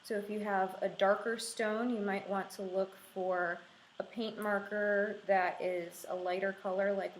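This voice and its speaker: A woman in her thirties teaches a craft in a calm, reassuring way, at a slow, unhurried pace. Her voice sits at a middle pitch. The room is echoey, with faint noise behind her. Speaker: art instructor leading a craft and meditation tutorial. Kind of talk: instructional talk while demonstrating a craft. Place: small room indoors with a window.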